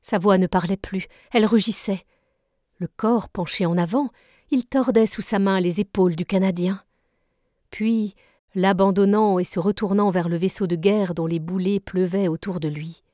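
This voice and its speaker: A woman reading a classic novel aloud in a measured, even narration. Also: medium pitch, dry recording, studio quality. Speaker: reader. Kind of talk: literary read-aloud.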